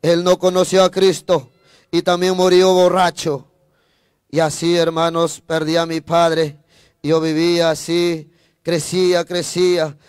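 High-voiced man preaching a fervent testimony. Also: completely flat delivery, unhurried, smooth, dry recording, clean studio sound. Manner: fervent, repeats phrases, adds praise interjections; addresses listeners directly. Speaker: evangelist preacher. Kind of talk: sermon testimony.

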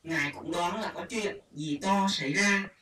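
A storyteller reading a short story aloud at a measured, deliberate pace. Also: medium pitch, sharp tone. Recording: echoey room, far from mic, faint hiss.

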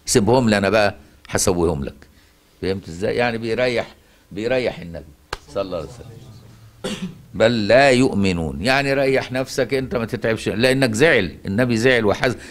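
A man with an Egyptian Arabic accent leads a Quran recitation class. He keeps asking his student rhetorical questions and answers them himself. He hammers a point home by repeating key words, at a mid-range pitch. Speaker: Quran teacher.

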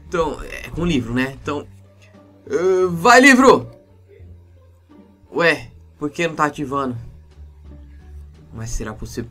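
A man with a Brazilian Portuguese accent narrating a Minecraft role-play in an excitable, exclamatory way. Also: mid-range voice. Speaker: gamer YouTuber.

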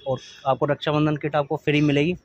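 A man in his thirties hosting a used-car vlog, asking quick questions and summing up deals in a brisk, chatty way. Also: fairly high pitch, little pitch movement, no echo. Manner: brisk, with quick affirmations and summaries. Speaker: vlog host. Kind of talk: casual car-lot vlog. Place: outdoor used car lot. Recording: dry, slightly dull sound.

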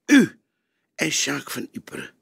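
A man voicing a stern, grey-haired old male detective who speaks firmly and deliberately. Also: medium pitch, huge pitch swings, gravelly, fairly bright tone, breathy edge, no room sound, clean studio sound, voice pushed up, exaggerated voice. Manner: firm, measured, stern.

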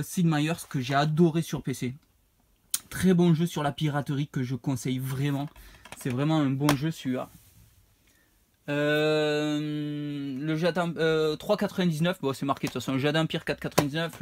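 A man, casually showing off his retro game purchases, rambling and hesitant as he reads out prices. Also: a little high. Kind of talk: casual unboxing vlog.

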